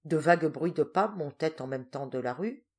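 A woman narrating a novel aloud in an expressive, lively storytelling manner. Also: deep voice, moderate pace, husky.

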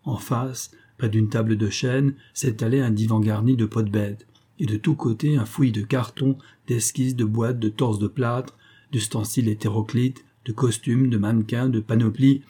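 A man reading a novel aloud as an audiobook narrator in a measured, storytelling way. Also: medium pitch, fairly even intonation, mellow, slightly rough. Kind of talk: scripted narration.

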